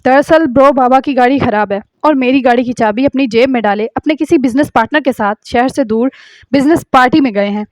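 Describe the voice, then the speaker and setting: A woman's voice: high-pitched, dry recording, lightly acted. A woman reading a novel aloud, voicing a nervous young man who coaxes hesitantly. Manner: hesitant, coaxing.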